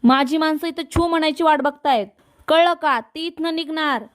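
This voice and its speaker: Angry threatening thug guy, woman narrator doing him, high voice. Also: normal speed, close to an everyday voice. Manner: plain quoted delivery within a recap. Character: hot-tempered male thug, threatening.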